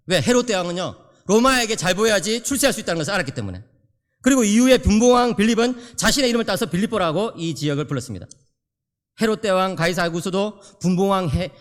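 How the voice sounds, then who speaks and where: A man preaching a sermon lecture as a theology professor, animated and often asking his audience questions. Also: high-pitched. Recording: echoey hall reverb.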